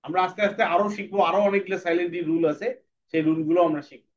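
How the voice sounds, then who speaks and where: High-voiced man teaching phonics. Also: steady tone. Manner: repeats sounds slowly and checks understanding. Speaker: English teacher. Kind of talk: phonics lesson. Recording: dull lo-fi sound, faint background noise.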